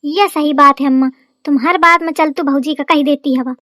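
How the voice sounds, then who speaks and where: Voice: sits high, fairly even intonation, a little fast, pushed and bright, no echo, clean studio sound. A performer voicing a cheeky, teasing young village brother-in-law with a Kanpuri accent in a cartoon comedy. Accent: Kanpuri rural Hindi.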